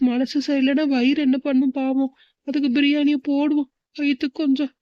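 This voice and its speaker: Brief: woman playing a petulant, grumbling wife, slightly high voice, dry muffled recording. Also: little pitch movement, fairly quick, dry recording, close to an everyday voice. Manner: complaining, petulant village talk. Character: grown woman, sulky and hungry on her birthday. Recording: dull, muffled close recording.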